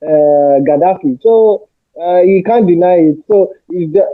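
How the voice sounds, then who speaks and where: A man's voice: high-pitched, measured pace, no echo. A man speaking as a panel guest on a remote call, his voice muffled as if heard through a wall, hesitant with many fillers and restarts. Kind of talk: casual discussion. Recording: muffled, tinny call line.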